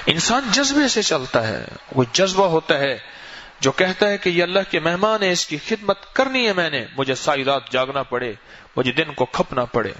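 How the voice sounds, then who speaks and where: A man delivering a sermon as a preacher, telling stories with sweeping rises and falls in his voice. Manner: storytelling with lively swings in pitch. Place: mosque gathering. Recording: dull lo-fi recording with faint noise.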